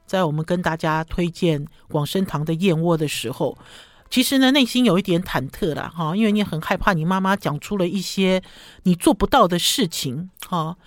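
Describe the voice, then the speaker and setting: A woman's voice: on the low side, moderate pace, dry recording. Chatty woman radio host. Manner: chatty, ends phrases with a short "ha". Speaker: radio food show host. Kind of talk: casual radio monologue.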